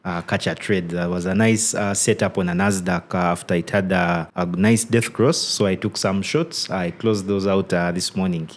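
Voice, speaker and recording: Male guest educator, somewhat low pitch, halting conversational delivery. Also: steady tone. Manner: thoughtful, halting with restarts and "you know". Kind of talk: casual podcast interview.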